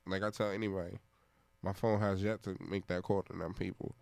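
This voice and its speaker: A man's voice: low-pitched, little pitch movement, fairly quick, gravelly, no room sound. A man who works as a DJ, a guest in a casual interview, talking easygoing street slang.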